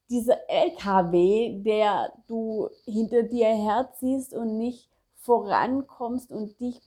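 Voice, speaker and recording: A middle-aged woman coach giving a personal motivational talk, speaking affirmations softly and repeating them. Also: fairly high pitch. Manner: slow, soft, repeated affirmations. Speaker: self-help coach.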